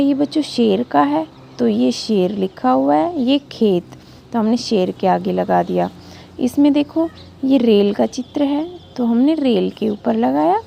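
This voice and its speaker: A woman's voice: fairly high pitch, vocal fry, warm tone, highs cut off, slight background noise. A woman teacher giving a reading lesson to young children, patiently sounding out syllables and asking the class questions. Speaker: school teacher.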